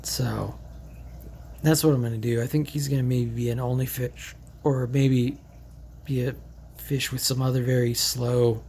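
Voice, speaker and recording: Casual male hobby vlogger, mid-pitch, unpolished and rambling, light background hum. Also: little pitch movement, unhurried, dark tone. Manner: loose, rambling, thinking aloud with fillers. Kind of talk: casual tank tour vlog. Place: indoors beside a fish tank.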